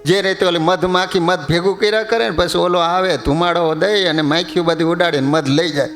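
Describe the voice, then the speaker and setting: Male preacher, high voice, storytelling sermon, faint music behind. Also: steady tone, a bit bright. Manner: storytelling, quotes verses in slow chant. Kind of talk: sermon with humorous stories.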